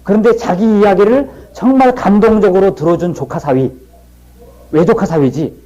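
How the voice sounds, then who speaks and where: A man's voice: high-pitched, normal speed, dark tone, highs cut off. A middle-aged man giving a lecture and telling stories in a folksy, plain-spoken way. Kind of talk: storytelling lecture.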